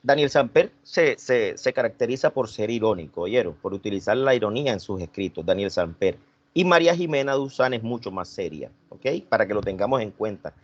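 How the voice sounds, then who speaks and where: A man's voice: lowish voice, lively intonation, a little fast, no room sound. Teacher man, dull dry recording. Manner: repeats and restarts, asks class questions. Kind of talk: online class discussion.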